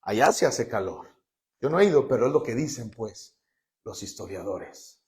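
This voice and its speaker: Lively man preaching. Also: medium pitch, moderate pace. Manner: call-and-response preaching, emphatic. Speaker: pastor. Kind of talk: Bible-study sermon. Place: church hall. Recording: echoey church hall.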